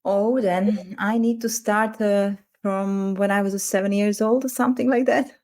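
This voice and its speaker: A woman's voice: mid-range voice, steady tone, a little slow, darkish tone. Woman coach, reflective podcast talk. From Croatia. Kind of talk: casual podcast conversation.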